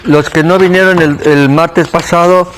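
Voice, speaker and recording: A man's voice: fairly high pitch, steady tone, measured pace, a bit bright, slight background noise. A man with a Mexican Spanish accent teaching a church Bible class, conversational, questioning the class and repeating key points.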